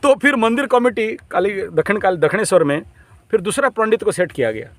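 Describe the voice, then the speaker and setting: A man's voice: high-pitched, expressive, fairly quick. A man, a spiritual teacher, telling devotional stories in a casual, colloquial way and chuckling between lines.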